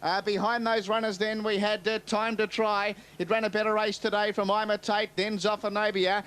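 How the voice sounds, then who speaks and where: A man's voice: high voice, flat delivery, normal speed, fairly bright tone, smooth. A man with an Australian accent giving live horse racing commentary.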